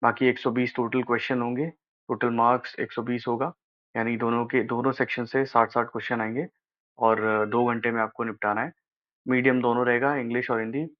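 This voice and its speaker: This Indian presenter of exam advice breaks down a job notification casually, acting like a big brother and repeatedly making sure the listener understands. His ordinary male voice is flat and a little fast, and the recording sounds slightly dull and low-fidelity.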